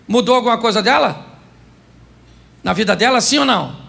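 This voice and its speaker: Animated gravelly-voiced preacher, high and bright. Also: male voice, normal speed. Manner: animated preaching with rhetorical questions and comic asides. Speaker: pastor. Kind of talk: humorous sermon.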